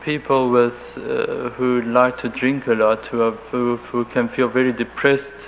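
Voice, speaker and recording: Heard on a dull, faintly hissing lo-fi tape, a man with a German accent and German as his first language responds to interview questions in a halting, careful manner full of restarts. His voice is gravelly and mid-range, with little pitch movement.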